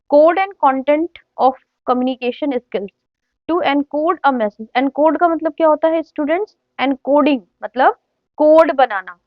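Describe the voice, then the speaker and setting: A woman teacher giving a classroom lecture, mixing Hindi with slow, deliberate English phrases and often asking the students whether they follow. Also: high voice, no room sound. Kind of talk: classroom lecture explaining communication skills. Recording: dull, dry, lo-fi lecture recording.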